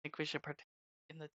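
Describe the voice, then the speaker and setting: A woman playing in a tabletop game, eager and quick to laugh. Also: deep voice, no echo. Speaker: player. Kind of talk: casual tabletop play.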